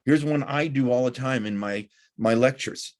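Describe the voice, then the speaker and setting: A middle-aged man teaching a recorded college lecture, talking deliberately with frequent "uh" fillers. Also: mid-range voice, a little mellow. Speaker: college instructor.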